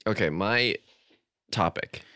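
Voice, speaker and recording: A man's voice: lowish voice, slow, sharp tone, faint music behind. A young man hosting a casual podcast chat, joking about himself and laughing often. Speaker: podcast host.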